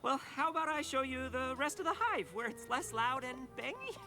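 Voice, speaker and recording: A man's voice: very high-pitched, very animated, a little fast, music in the background, exaggerated voice. An actor voicing a kind young male changeling ruler in a cartoon, earnest and eager to please. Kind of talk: cartoon voice acting.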